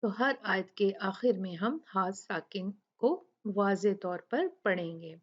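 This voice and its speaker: A woman teaching recitation rules in a patient way. She repeats words slowly and explains each rule with examples. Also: mid-range voice, lively intonation, dull audio. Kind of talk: tajweed lesson with recited examples.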